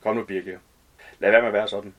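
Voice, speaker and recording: A man's voice: lowish voice, level tone, highs cut off, natural voice. A man reading aloud as a talkative, overly familiar man in his early forties who rambles in slangy chatter.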